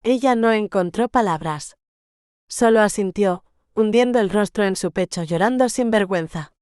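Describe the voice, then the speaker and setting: A woman narrating a romance novel audiobook in a measured, gentle storytelling manner. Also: medium pitch, clear, resonant tone, no room sound, clean studio sound.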